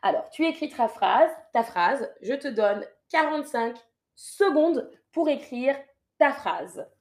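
Teaching French on a live stream, a woman speaks slowly and animatedly in a voice that sits high. She reads viewers' sentences, corrects them with patience and keeps repeating her instructions.

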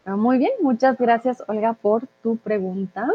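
Colombian-born teacher lady chatting thru chat questions, kinda high voice, sounds like over a phone. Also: moderate pace, breathy edge. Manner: chatty, with frequent "eh" fillers. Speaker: language teacher hosting a live chat. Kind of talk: casual live Q&A reading viewer questions. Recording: thin phone-like audio.

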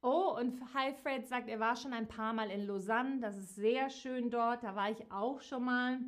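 A woman teaches a live lesson to her viewers. Her voice sits a little high and she speaks slowly. She says each key word twice, clearly and carefully. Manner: slow, repeats key words, warm direct address to viewers. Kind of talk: slow, clearly articulated live-stream lesson.

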